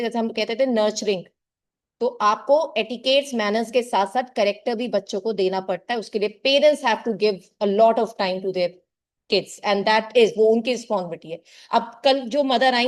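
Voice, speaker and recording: Earnest middle-aged woman tutor lecturing. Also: on the high side. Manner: earnest, lecturing, addresses students as children. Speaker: tuition teacher. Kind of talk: motivational talk to a class.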